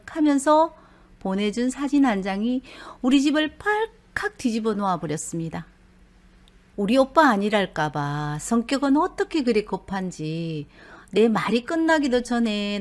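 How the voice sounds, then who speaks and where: A middle-aged woman, telling a personal story and acting out what her husband and brother said. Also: mid-range voice. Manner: animated, acts out husband and brother in dialect.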